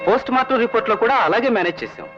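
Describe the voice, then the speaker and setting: An actor playing a corrupt police officer who defends himself defiantly, heard as dull film audio. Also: male voice, extremely high pitch, big pitch swings, rapid-fire, music in the background. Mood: polite. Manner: defiant, justifying.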